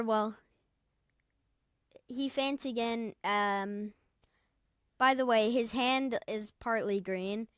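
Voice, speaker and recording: Woman, unhurried rambling recap full of fillers, clean smooth tone. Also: fairly high pitch, no room sound, studio quality. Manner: rambling, hesitant, many fillers. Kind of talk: casual recap of a video.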